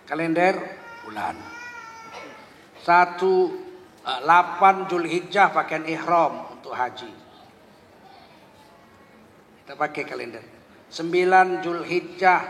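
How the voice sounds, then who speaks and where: Male preacher, high voice, storytelling sermon, acts out dialogue, echoing hall. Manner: lively anecdotal telling, acting out both sides of dialogue. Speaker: Islamic preacher. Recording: long hall reverb, faint background noise.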